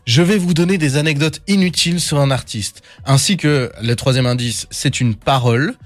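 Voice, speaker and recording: A man's voice: on the high side, moderate pace, soft background music. Playful young man hosting a podcast. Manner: playful, teasing, laughs often. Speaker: host of a rap news podcast. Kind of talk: lively hosted podcast banter.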